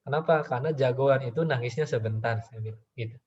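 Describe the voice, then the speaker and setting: A man's voice: mid-range voice, fast talker, a little mellow. A middle-aged man giving a casual parenting talk to mothers, chatty and repetitive, acting out parents and children as he goes. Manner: chatty, repeats "gitu ya", acts out parents and children. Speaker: parenting speaker. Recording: dull lo-fi audio.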